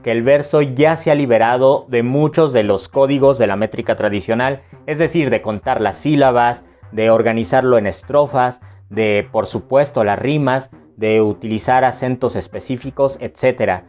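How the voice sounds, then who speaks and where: A man's voice: medium pitch, a little mellow. A Mexican man with a Mexican Spanish accent, teaching poetry in a casual, playful way and answering viewers' questions. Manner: playful, recites verse slowly and taps out rhythms. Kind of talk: casual explanatory lesson.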